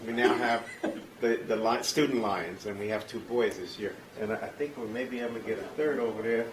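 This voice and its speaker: A man's voice: lowish voice, fairly quick. Audience man giving a plain reply, far from the mic in a noisy room. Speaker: club member in audience. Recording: distant and echoey with noise.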